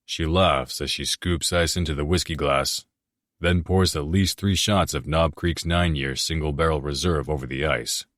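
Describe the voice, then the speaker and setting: A man narrating a romance audiobook in the first person, in a steady, measured reading. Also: rumbling low, no echo, clean studio sound.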